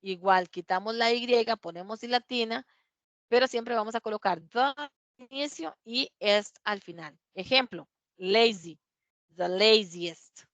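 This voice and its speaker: A woman's voice: on the high side, unhurried, a bit bright, dry recording. A woman teaching a classroom grammar lesson, patient and methodical, repeating the key points and checking that her students follow. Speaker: English teacher. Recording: dull lo-fi classroom recording.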